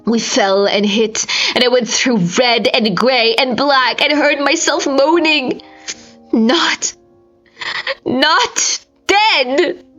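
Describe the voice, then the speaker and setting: With soft music in the background, an amateur audiobook reader performs a scripted horror story, theatrical and intense, breaking into breathy whispers and strained cries. Her voice is on the high side, steady, a little slow, and fairly bright.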